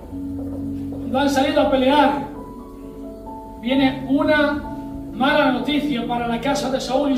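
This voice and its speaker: A man with a Spain Spanish accent preaching a sermon, telling a story and acting out its scenes in different voices. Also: extremely high pitch. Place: church. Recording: echoey church hall, mic at a distance.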